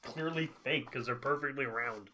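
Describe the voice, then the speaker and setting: A man's voice: medium pitch, moderate pace, pushed and bright, slight background noise. A man co-hosting a podcast, recapping a film in a dry, wry casual way. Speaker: podcast co-host. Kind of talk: casual movie chat.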